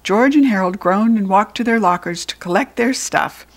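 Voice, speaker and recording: A woman with an American accent reading a children's book aloud as animated storytelling. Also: medium pitch, moderate pace.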